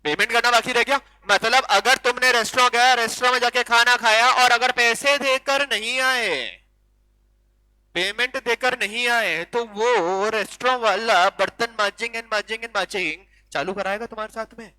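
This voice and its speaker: Animated, high-voiced male law teacher. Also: moderate pace, no echo, rough recording. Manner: animated, full of rhetorical questions, mixes in English. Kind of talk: classroom lecture.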